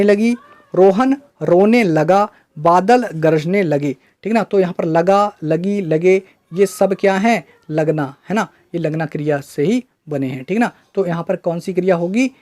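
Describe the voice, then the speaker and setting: Speaking in a mid-range, darkish voice, a teacher leads an online grammar lesson for exam prep. Listeners are quizzed with questions and then answer them, and nearly every point ends with a "right?" check.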